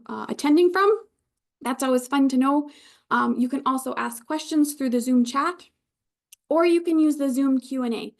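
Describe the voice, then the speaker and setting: A woman's voice: high voice, creaky. A woman with an Upper Michigan Yooper accent leading an online training as an informal, conversational instructor who reassures her learners. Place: live online video session.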